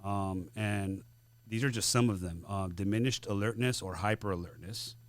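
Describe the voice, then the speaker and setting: A man with a fairly low voice hosts a podcast, laying out information in a conversational way with frequent "uh" and "um" pauses. His voice sounds dry and close, with little room sound. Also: no room sound. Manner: explanatory, often pausing on "uh" and "um". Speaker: podcast host. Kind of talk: conversational explanation.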